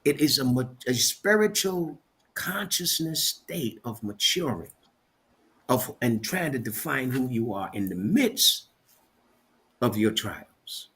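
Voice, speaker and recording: A man's voice: mid-range voice, very animated, slow, a bit bright. A man from Barbados, a guest on a talk show, speaking in an emphatic, preacherly way and often repeating words as he builds his point. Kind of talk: motivational interview talk.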